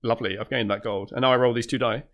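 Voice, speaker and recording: Gravelly man mumbling through his turn. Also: mid-range voice, fairly even intonation, very fast, a bit bright. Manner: mumbling, narrating his own moves. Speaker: player in a board game session. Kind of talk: casual gaming chat over voice call.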